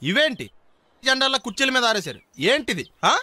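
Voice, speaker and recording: An actor playing an excitable young man in a film comedy, grumbling and cracking jokes quickly. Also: extremely high pitch, dry recording, exaggerated voice. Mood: indignant. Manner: quick, whiny wisecracks. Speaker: film comic lead.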